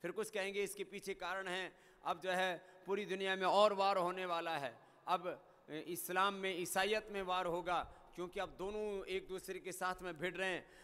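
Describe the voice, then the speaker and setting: Emphatic high-voiced Indian spiritual teacher. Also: male voice, fairly even intonation, moderate pace, bright, forceful tone, clean tone, in a large hall. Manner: emphatic, repeating phrases in rising lists. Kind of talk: spiritual discourse.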